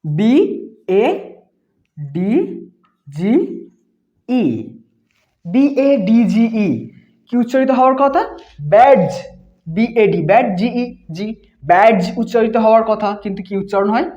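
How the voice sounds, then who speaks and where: A woman teaching a beginner reading lesson. She spells letters out one by one, repeats words slowly, and asks questions that she answers herself. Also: medium pitch, dark tone. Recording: dull lo-fi recording.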